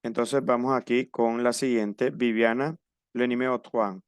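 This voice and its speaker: Male teacher, patient, spells things out, crisp close voice. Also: mid-range voice, steady tone, no room sound. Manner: slow, patient, spells out pronunciation. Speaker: French teacher. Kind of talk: online class instruction.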